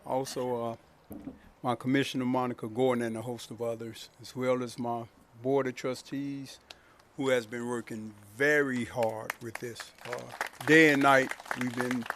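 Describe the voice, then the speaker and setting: A village president thanks everyone at an outdoor podium and is so moved that his words come haltingly, broken by many pauses. His voice has a gravelly fry. Faint outdoor noise sits behind him. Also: medium pitch, fairly bright tone. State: choked up with emotion. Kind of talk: emotional off-the-cuff thanks. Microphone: podium microphone.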